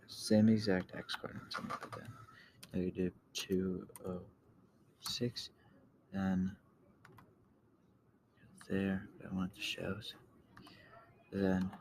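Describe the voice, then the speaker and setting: A tutorial host with a low, gravelly voice walks through a casual screen-recorded tutorial. He speaks slowly with little melody, halting and trailing off as he thinks aloud. Background noise and keyboard clicks sit behind him.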